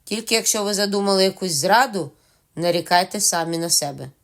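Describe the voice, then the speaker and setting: A woman's voice: mid-range voice, fairly quick, natural voice. A woman voicing a stern male ship captain who gives blunt, commanding orders in a storybook reading. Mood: cold.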